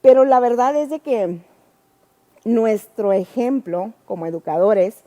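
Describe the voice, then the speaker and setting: A woman's voice: a little high, measured pace, mellow. A woman teacher and trainer telling a personal story to a class in an earnest, reflective way.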